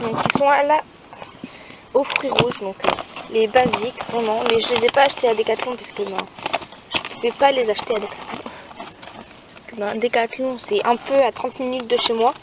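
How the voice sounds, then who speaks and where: A woman's voice: a little high, fairly even intonation, fairly quick, background noise. A teenage girl showing her riding gear in a casual vlog from the boot of a car, hesitant, with many fillers and restarts. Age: teens. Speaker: youtuber. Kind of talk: casual show-and-tell vlog.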